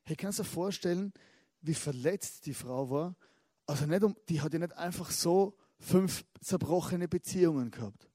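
A man preaching a sermon in a conversational, lively way, often asking the listeners direct questions. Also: fairly high pitch, normal speed, no echo, studio quality.

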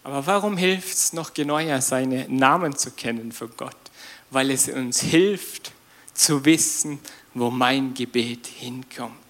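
A man preaching a sermon in a lively, conversational way, with casual slang and sudden bursts of loud emphasis. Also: mid-range voice, takes it slowly.

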